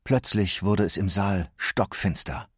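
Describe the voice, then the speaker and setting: A man narrating a children's storybook in a steady storytelling manner. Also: deep voice, a little slow, breathy edge, dry recording, clean studio sound.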